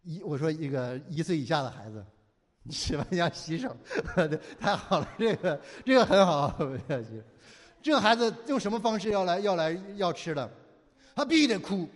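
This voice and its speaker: A man with a high, very animated voice preaches a sermon, constantly asking his listeners questions and answering them himself. Now and then he slips into a whiny, mocking voice to mimic pleading prayers. His voice rings out with a long reverb, as in a big hall. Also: moderate pace. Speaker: pastor.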